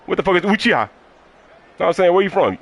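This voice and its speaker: A man's voice: high voice, very animated, fast talker. A man streaming a football video game live, heatedly mocking his opponent and repeating his taunts over and over. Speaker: gaming streamer.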